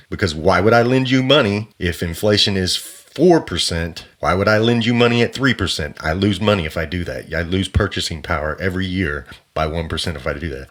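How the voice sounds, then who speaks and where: A man from the American South runs his podcast in a loose, rambling commentary style. His voice sits fairly low, and he gets excitable, chuckling as he jumps from point to point. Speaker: podcast host. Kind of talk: casual opinion commentary.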